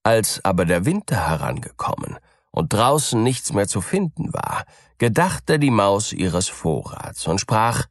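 A man reading a fairy tale aloud in a calm, unhurried storytelling manner. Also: on the low side, dry recording, clean studio sound.

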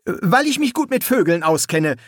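A young woman soldier, sharp and direct, as a male narrator puts her on. He lifts his voice well above his own pitch. The sound is dry and close. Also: sing-song, moderate pace, dry recording, exaggerated voice. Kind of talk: audiobook character voice.

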